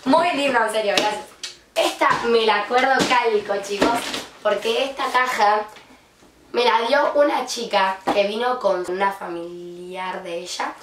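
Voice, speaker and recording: An excitable young Argentine woman opens gifts on her vlog, gushing and squealing between slow, unhurried remarks. Her voice bounces around a roomy space and sits some distance from the mic, with faint noise underneath. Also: medium pitch. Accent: Argentine Spanish. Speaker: vlogger. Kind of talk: unboxing vlog.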